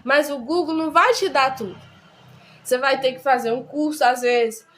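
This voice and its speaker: Woman, high voice, chatty bible study teaching, keeps asking "right?". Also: normal speed, fairly bright tone. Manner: chatty, repeats words, many tag questions.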